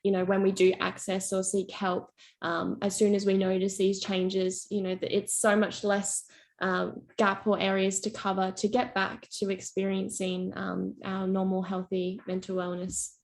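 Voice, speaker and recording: A young woman presents a youth mental health workshop. She explains things in an encouraging way, with ordinary fillers. Her voice has a mid pitch. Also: monotone, normal speed, vocal fry.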